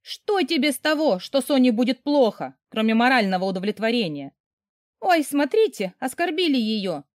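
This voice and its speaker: A shrill young woman in a storybook, yelling and exasperated, her voice leaping high and swinging wildly, as a woman reader puts her on. Dry, close sound with no room around it. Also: very animated, normal speed, no room sound. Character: hysterical young woman, narrator's little sister.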